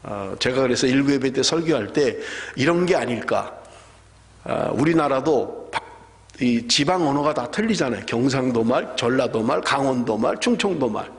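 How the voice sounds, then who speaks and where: A male pastor preaching a sermon in a church sanctuary, animated and full of rhetorical questions to the congregation. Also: medium pitch, moderate pace. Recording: long church hall reverb.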